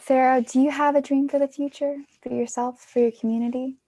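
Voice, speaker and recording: A woman in her twenties facilitates an online creative workshop for young people, encouraging and reflective as she guides them. Her high-pitched, mellow voice is brisk and shows little pitch movement.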